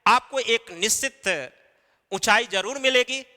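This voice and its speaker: A man's voice: extremely high pitch, takes it slowly, pushed and bright, in a large hall. A man teaching an exam-preparation class, explaining step by step and answering his own questions. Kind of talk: recorded lecture.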